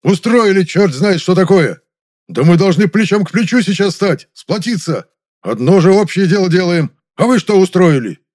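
A man voicing a loud, bossy older male film official in an audiobook, scolding and booming. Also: a little fast, natural voice. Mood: furious.

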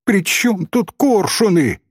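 Man voicing a young village woman, impatient, excitable, high, lively voice. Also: slow, husky, no echo, clean studio sound, full character voice. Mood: eager. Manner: pleading, excitable.

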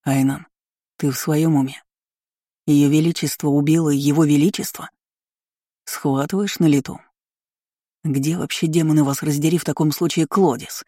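Narrator doing a gruff, irritable guard captain. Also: mid-range voice, fairly even intonation, normal speed, long pauses, dark tone, no room sound, clean studio sound, lightly acted. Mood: exasperated. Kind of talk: audiobook character reading.

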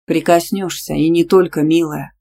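A woman's voice: fairly even intonation, moderate pace, gravelly, warm tone. Domineering young man, curt and menacing, read by a woman narrator. Audiobook. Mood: stern. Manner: curt, low and threatening. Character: possessive, domineering young male gym teacher.

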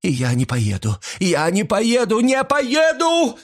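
A man voicing a furious middle-aged woman accused of crimes, shrill and screaming in an audiobook. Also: lively intonation, unhurried. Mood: hysterical.

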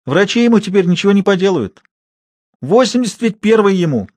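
A man doing a lively scolding old woman. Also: high-pitched, brisk, no room sound, voice pushed up.

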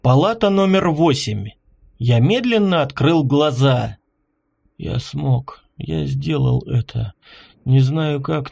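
A man narrating a horror audiobook in an expressive, dramatic reading. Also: mid-range voice, vocal fry.

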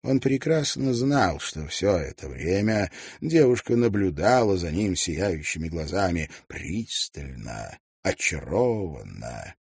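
Male audiobook narrator, husky voice, lively intonation. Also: deep voice, slow pace, no room sound, clean studio sound. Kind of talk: scripted narration.

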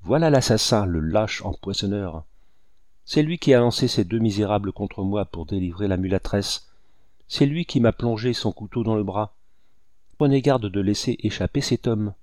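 A man's voice: lowish voice, animated, moderate pace, darkish tone, no echo, studio quality, lightly acted. A man doing a fierce menacing old hunter. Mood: triumphant accusing. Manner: harsh, commanding, threatening. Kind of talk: audiobook character voice.

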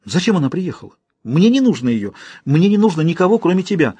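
A man's voice: fairly high pitch, sing-song, quick pace, mellow, slightly rough, no room sound, pitched above the performer's own voice. A man reading an audiobook, voicing a cruel young woman who taunts and laughs at her lover. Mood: spiteful. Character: mocking, cruel young woman, soulless temptress.

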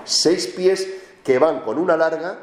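A man's voice: a little high, slow pace, very noisy. A man from giving a classroom lecture, explaining step by step and often checking in with his students. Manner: explanatory, with frequent questioning tags to students. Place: lecture room with an audience. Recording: roomy echo of a lecture room.

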